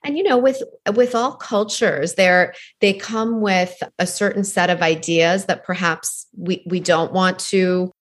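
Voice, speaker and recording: A woman's voice: on the low side, measured pace, hardly any pauses. A middle-aged woman from Iran, raised in Canada, speaking earnestly and enthusiastically as a podcast interview guest. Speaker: guest, founder of girls' empowerment program.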